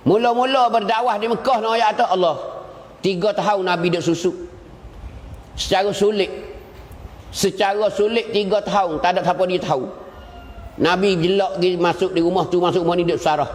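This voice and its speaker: A man delivers an Islamic lecture in a fairly high voice. His storytelling swings up and down in pitch and keeps repeating short phrases. The sound rings with a long hall reverb. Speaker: religious teacher.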